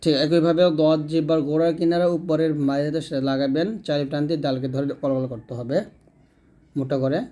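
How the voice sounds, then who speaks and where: A man teaching Quran reading, slowly spelling out letters and repeating each sound several times. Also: on the high side, little pitch movement, warm tone. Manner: checks in with the listener now and then. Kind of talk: recitation lesson, spelling out letters.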